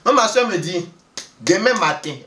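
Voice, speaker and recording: A man telling a story in a lively, casual way, often laughing and acting out the people he quotes. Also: high voice, moderate pace, far from the mic, a little hiss or hum. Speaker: vlogger telling a travel story. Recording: roomy echo, voice away from the mic.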